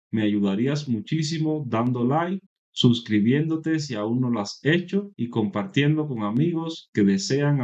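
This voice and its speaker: Casting note: a male language teacher, slow and encouraging, on a slightly muffled dry recording. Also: mid-range voice, a little mellow. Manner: slow, careful, encouraging delivery. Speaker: Spanish teacher. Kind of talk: scripted lesson narration.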